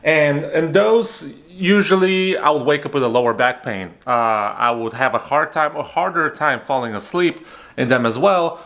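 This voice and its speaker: A man's voice: on the high side, normal speed, a bit bright. A man in his thirties giving a casual, rambling product review at home in his apartment, with lots of fillers and restarts. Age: 30s. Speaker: vlogger.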